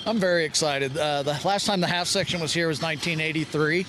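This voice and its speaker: A man's voice: fairly high pitch, fairly even intonation, a little fast, noisy background. A man being interviewed at an outdoor rodeo arena, answering politely and matter-of-factly. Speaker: interviewee, artillery horseman.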